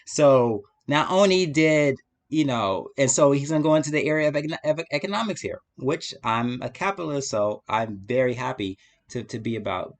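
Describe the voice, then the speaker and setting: A man's voice: medium pitch, animated, normal speed, hardly any pauses, a little hiss or hum. A man hosting a live stream with casual, opinionated commentary, preaching his views, repeating phrases for emphasis and often checking in with the listener.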